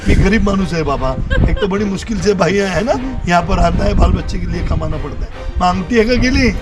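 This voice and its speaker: Loud music sits over the outdoor recording as a street magician with a voice that sits high speaks fairly quickly. Showy and talkative, he jokes with the crowd and coaxes the onlookers along.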